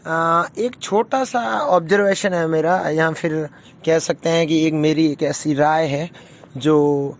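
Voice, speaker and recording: A man with a Marwari-influenced Hindi accent, giving an informal spoken lesson, hesitant with fillers and self-corrections, sounding out vowels slowly. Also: fairly high pitch, fairly even intonation. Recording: dull lo-fi recording.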